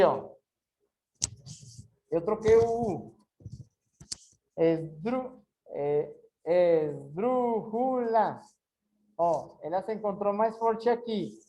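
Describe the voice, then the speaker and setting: Woman teacher, mellow tone, slow careful syllables, patient online class. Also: mid-range voice, rough recording. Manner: explains patiently, spells words slowly syllable by syllable. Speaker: Spanish teacher.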